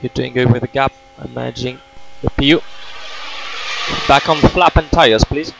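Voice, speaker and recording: At normal speed and with a gravelly, medium-pitched voice, a race engineer gives terse orders. He repeats them in a clipped way over noisy team radio.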